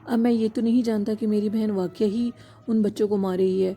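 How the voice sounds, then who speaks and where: A woman's voice: mid-range voice, fairly even intonation, mellow, close to an everyday voice. A woman voicing a tearful young village man who pleads to save his sister, in a horror story read aloud. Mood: pleading.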